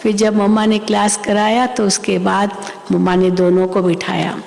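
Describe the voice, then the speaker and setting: A woman's voice: mid-range voice, level tone, normal speed, gravelly, darkish tone. A woman spiritual teacher giving a sermon class, telling stories and acting out the voices she quotes, often asking her listeners questions. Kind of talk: murli class sermon with anecdotes. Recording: long hall reverb.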